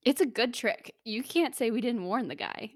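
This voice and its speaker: A woman's voice: on the high side, expressive, moderate pace, no echo, clean studio sound. A woman voicing a cheeky young prankster kid in a comic audio sketch, talking in an offhand way.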